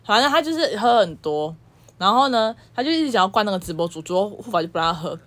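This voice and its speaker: Fast-talking woman telling a story. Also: medium pitch. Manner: animated storytelling, casual swearing. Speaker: podcast co-host. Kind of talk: casual storytelling chat.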